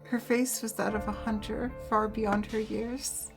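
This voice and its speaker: A woman's voice: a little high, level tone, measured pace, gravelly. A woman hosting a let's play, reading a visual novel's story narration aloud. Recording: game music under the voice.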